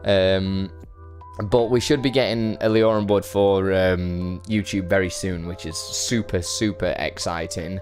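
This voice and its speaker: A man's voice: low-pitched, steady tone, unhurried, a little mellow, soft background music. A man chatting casually on a live stream, rambling and self-deprecating as he greets viewers by name and answers their questions. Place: his brother's home.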